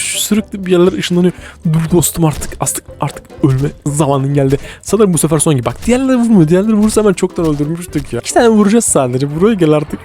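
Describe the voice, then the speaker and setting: A man giving excitable live gameplay commentary, reacting with quick exclamations and urgent repeated words. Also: high voice. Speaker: gaming video creator.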